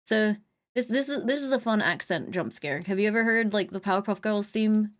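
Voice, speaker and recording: A woman live streamer chatting casually, humming little filler sounds and greeting viewers with bursts of excitement. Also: medium pitch, a little fast. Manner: chatty, hums and scats little filler sounds between thoughts.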